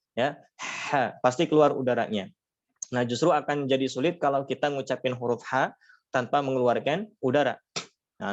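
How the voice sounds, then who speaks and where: A man's voice: mid-range voice, a little mellow. Patient man teaching recitation. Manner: patient explaining, frequent fillers, demonstrates sounds slowly. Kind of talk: online lesson. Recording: slightly dull lo-fi audio.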